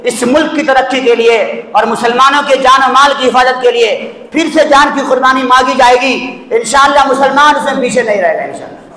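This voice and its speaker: A man delivers a fervent sermon to his congregation, his voice sitting very high and pressing hard as he exhorts them. The sound rings through a large, echoing mosque hall with a long reverb tail. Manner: impassioned, exhorting, rising to shouts. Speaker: Islamic preacher.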